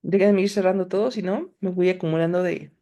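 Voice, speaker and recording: A woman teaches an online class in a soft, mellow voice. She explains patiently, addressing her students directly as she walks them through each step. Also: lowish voice, fairly even intonation, quick pace. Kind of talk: recorded class with screen demo.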